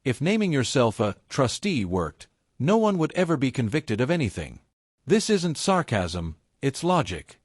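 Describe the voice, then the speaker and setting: A man's voice: mid-range voice, very animated, moderate pace, no room sound, clean studio sound. A man narrating scripted commentary on a court clip in an emphatic, explanatory way.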